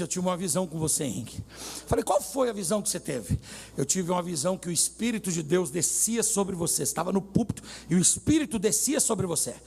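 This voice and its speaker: A man preaching loudly in a church, telling stories with humor and dramatic swings. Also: high voice, gravelly, slightly rough. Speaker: pastor. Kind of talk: sermon.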